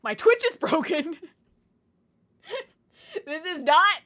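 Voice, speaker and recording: While streaming a game, a woman reads its text aloud and reacts in an animated, exasperated way. Her voice is high and hoarse, and she takes things slowly.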